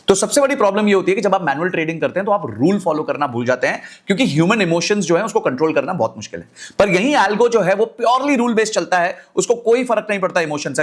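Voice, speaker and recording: A middle-aged man with an Indian accent, an energetic finance YouTuber speaking straight to his viewers. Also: high voice. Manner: energetic, direct address to viewers. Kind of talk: explainer video talk.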